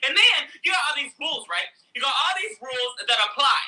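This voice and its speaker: A woman ranting to camera, loud, profane and dramatic. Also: sits high, lively intonation, fast talker, rough recording. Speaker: ranting storyteller. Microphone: desk camera mic.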